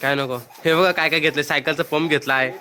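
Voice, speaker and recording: A man's voice: on the high side, fairly even intonation, quick pace, pushed and bright, a little hiss or hum. A man talking playfully to viewers in a casual vlog, pointing things out one after another. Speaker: vlogger showing birthday preparations.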